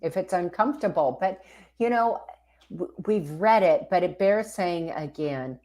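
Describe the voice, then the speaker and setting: Upbeat woman co-hosting, lowish voice. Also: expressive, unhurried, darkish tone. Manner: upbeat, laughing, addresses viewers as folks. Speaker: co-host. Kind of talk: casual talk-show chat.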